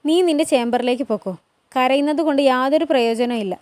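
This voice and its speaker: A woman's voice: high-pitched, fast, a little mellow, no room sound, lightly acted. A woman voicing a strict older woman who oversees palace servants and talks in a commanding way.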